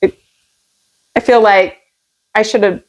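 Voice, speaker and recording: A woman co-hosting a podcast, wry and quick to laugh. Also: mid-range voice, fairly even intonation, slight background noise. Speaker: podcast co-host. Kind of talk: casual comedic chat.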